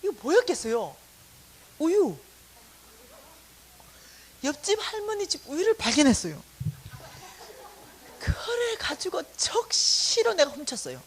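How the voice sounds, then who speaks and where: A middle-aged woman giving a testimony in a church sermon, telling her story with animated delivery, swinging from loud bursts to soft, hushed asides. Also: high-pitched, measured pace, pauses often. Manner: animated storytelling, acting out quoted voices with sudden loud bursts and soft drops.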